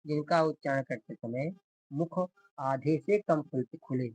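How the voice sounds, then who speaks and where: A man's voice: on the high side, a little slow, a little mellow, husky. A male teacher giving a grammar lecture, repeating definitions and asking the class questions before answering them himself.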